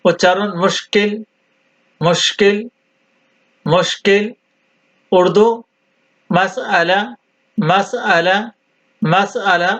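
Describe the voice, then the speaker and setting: A man teaching vocabulary, deliberately repeating each word several times. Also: sits high, steady tone, a bit bright. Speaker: language teacher. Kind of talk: slow vocabulary drill. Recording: dull lo-fi sound.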